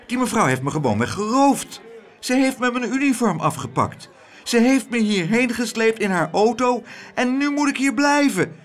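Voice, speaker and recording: A man voicing a frightened young boy who pleads in a high, rushed voice. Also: sing-song. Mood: pleading. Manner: high, fast pleading rush.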